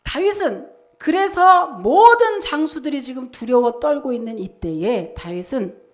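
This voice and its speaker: A woman's voice: high voice, animated, a little slow. A woman pastor delivering a Sunday sermon in a church, dramatic and emphatic, acting out quoted voices.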